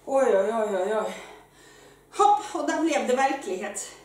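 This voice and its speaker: A woman fitness coach who is out of breath, leading a workout with energetic, loud exclamations while she exercises. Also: fairly high pitch. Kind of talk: live workout instruction. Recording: very echoey room, mic far off, faint noise.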